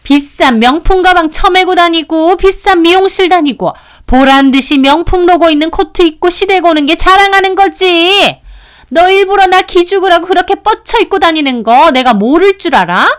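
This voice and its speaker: A woman voicing a shrill, demanding middle-aged sister-in-law in a scolding, sneering manner for a storytelling radio drama. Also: lively intonation, normal speed. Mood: yelling.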